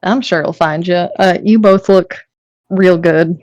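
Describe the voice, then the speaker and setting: A woman's voice: fairly low pitch, steady tone, unhurried, a little mellow, dry recording, dull audio. Woman player, friendly and encouraging, dry sound. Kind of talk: playing a tabletop game in character.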